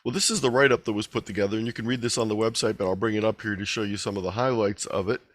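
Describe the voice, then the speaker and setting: A man gives an informal amateur radio talk at an online video meeting, explaining things and reading out figures conversationally. His voice is fairly low and steady in tone, his speech rapid-fire, with no echo.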